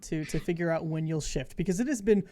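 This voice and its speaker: A woman running a tabletop game, improvising scene narration piece by piece in a halting way. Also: sits low, mellow. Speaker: game master.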